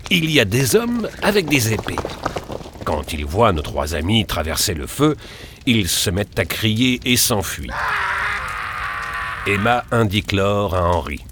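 Male storybook narrator, lower voice, very lively pitch, faint music behind. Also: a little slow. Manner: expressive, animated reading.

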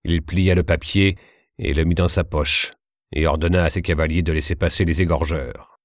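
A man narrating a historical story in a measured, steady reading. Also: sits low, no echo, studio quality.

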